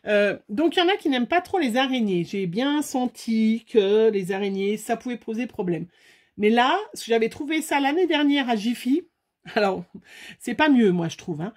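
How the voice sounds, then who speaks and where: Woman, chatty craft tutorial host, fairly high voice, lots of fillers. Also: lively intonation, normal speed, darkish tone. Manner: chatty, talks straight to viewers with many fillers.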